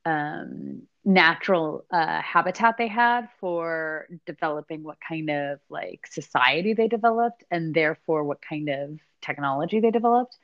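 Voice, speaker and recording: A podcast co-host chats casually in a low-pitched, expressive voice, speaking at normal speed with few pauses. She rambles with lots of fillers and laughs, and the recording has a dull, lo-fi sound.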